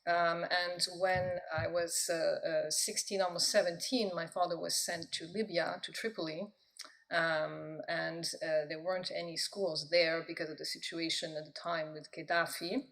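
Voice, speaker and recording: A woman's voice: on the low side, flat delivery, normal speed, a bit bright. A middle-aged woman answering interview questions thoughtfully, with frequent ums. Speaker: guest, professor and poet.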